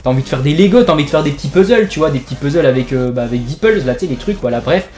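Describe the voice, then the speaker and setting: Fast, rambling young man telling a joke story. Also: on the high side, lively intonation, darkish tone, soft background music. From France. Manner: rambling, jokey slang with many fillers. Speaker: gaming YouTuber. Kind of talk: joking story over gameplay commentary.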